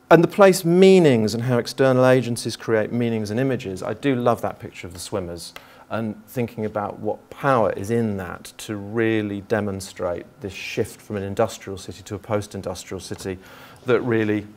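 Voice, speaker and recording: Middle-aged male lecturer, slightly low voice, conversational conference talk in a lecture theatre. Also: normal speed, darkish tone, slight background noise. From Liverpool, England. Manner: conversational, thinking aloud with restarts. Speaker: geography lecturer.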